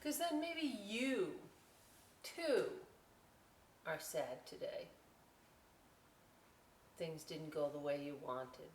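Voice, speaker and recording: Drawing out her words and leaving long pauses, a librarian reads a picture book to children with casual asides about the illustrations. Her voice sits low and sounds expressive with a darkish tone. The mic is distant, so the room sounds big and the noise is clearly audible.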